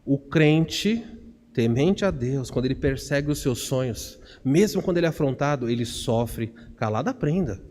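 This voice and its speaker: A man's voice: mid-range voice, animated, normal speed, darkish tone, a little hiss or hum. A Brazilian man preaching an expository sermon as pastor, earnest and putting questions to his congregation. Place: church sanctuary. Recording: long church reverb.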